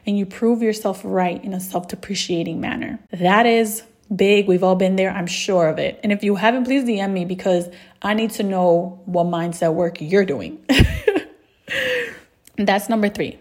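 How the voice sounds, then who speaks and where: A woman talking on her own podcast in a relaxed, conversational way. She often checks in with "right?" and laughs easily. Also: mid-range voice, measured pace. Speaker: podcast host. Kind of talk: solo podcast talk.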